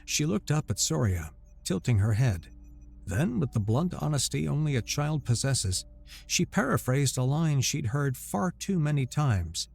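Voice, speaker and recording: A man narrating a scripted sci-fi romance story in a steady storytelling voice. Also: medium pitch, measured pace, vocal fry, breathy edge. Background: faint music.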